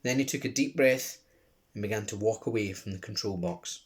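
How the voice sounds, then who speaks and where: A man with a Glasgow accent reading a children's book aloud, expressive, with chatty asides. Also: fairly low pitch, a little fast, very noisy. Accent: Scottish (Glasgow).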